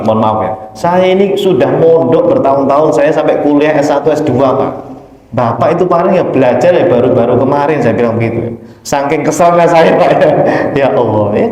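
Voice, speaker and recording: Animated male preacher in an echoey hall. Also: on the high side, brisk. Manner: animated storytelling, constantly addressing listeners as "Pak"; emphatic, rising sharply on key points. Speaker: Islamic preacher. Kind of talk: conversational mosque study lecture. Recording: echoey hall with long reverb.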